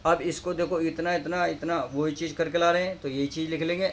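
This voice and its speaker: Male math tutor, asks questions as he works through problems; a bit high-pitched. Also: little pitch movement, brisk. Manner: explains step by step, asks students questions. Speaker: math teacher. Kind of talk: classroom lesson. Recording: faint background noise.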